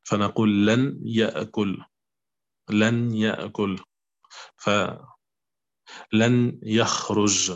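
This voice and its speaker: A man with a fairly low voice gives a patient grammar lesson. He talks slowly, repeats each example and keeps checking that his students follow. The recording is a little dull and lo-fi. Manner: slow, repetitive, asks "clear?" often. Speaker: Arabic grammar teacher.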